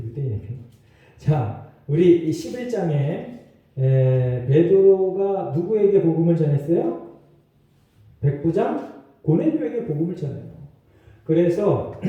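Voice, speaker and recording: A man's voice: a little high, warm tone, lo-fi sound. A man preaching a sermon as pastor, talking in a loose conversational way with asides and small laughs. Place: church sanctuary. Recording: roomy echo, mic far off.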